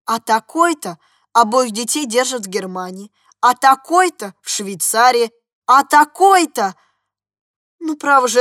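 A woman's voice: a little high, no echo, studio quality, close to an everyday voice. A woman voicing an affected, fawning middle-aged society lady who gushes sweetly and turns disdainful. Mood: gushing. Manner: sugary and gushing, turning sharp and disdainful.

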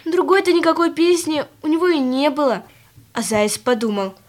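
High-voiced woman telling a fairy tale. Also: moderate pace. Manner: gentle, expressive storytelling. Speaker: storyteller. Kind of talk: storybook narration for children.

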